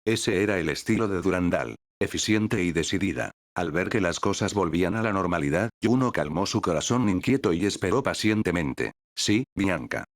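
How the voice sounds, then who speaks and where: A man narrating a story in a steady, even audiobook delivery. His voice is low, and the recording is dry with no room echo. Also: fairly quick.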